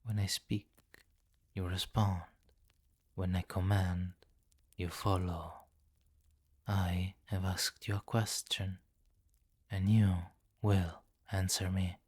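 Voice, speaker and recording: Low-pitched and darkish, with a flat delivery, a man voices a vampire king in close ASMR fantasy roleplay, stern and commanding. He speaks in a formal, deliberate way, possessive and domineering yet courtly and doting.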